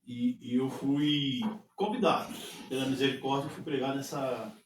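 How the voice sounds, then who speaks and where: A man's voice: medium pitch, steady tone, moderate pace, slight background noise. A man, a pastor, telling a personal testimony in casual podcast talk and acting out the dialogue he quotes. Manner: storytelling, acts out quoted dialogue. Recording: roomy, distant mic, faint ambience.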